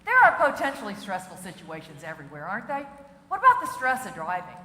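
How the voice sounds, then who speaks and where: A middle-aged woman giving a comic keynote talk, chatty and animated, asking the audience questions and laughing at her own jokes. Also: mid-range voice, fast. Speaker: keynote speaker. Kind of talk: stand-up style comic keynote. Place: large conference hall. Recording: echoey hall with faint noise.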